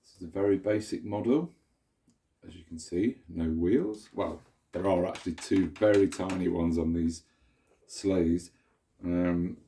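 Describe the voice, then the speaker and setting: Nasal from a cold, a man with a low, mellow voice gives a casual show-and-tell of a vacuum cleaner in a sunny indoor room, filming it up close on a handheld camera. He's chatty and meandering, often correcting himself.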